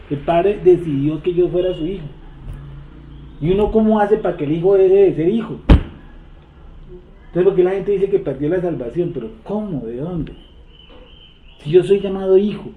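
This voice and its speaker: Male Bible teacher, fairly high voice, echoey room, tinny phone-like sound; asks the group questions. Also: a little hiss or hum. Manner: asks the group questions, repeats verses slowly. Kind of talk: interactive Bible study teaching.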